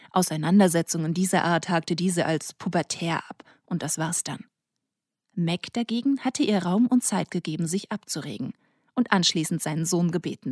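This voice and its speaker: A woman reading an audiobook in a soft, intimate narration that sometimes falls to a near whisper. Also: lowish voice, no echo, studio quality. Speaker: audiobook reader. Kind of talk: scripted narration.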